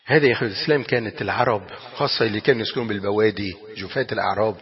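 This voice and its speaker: A man with a Levantine Arabic accent giving a religious lesson, explaining a text with animated rhetorical questions. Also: on the low side, racing, long reverb tail, highs cut off. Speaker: religious teacher.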